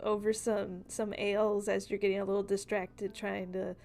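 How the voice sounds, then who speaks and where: A woman running a tabletop game, narrating in a loose, unhurried way with lots of filler. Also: mid-range voice, little pitch movement, creaky, a little mellow. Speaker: game master.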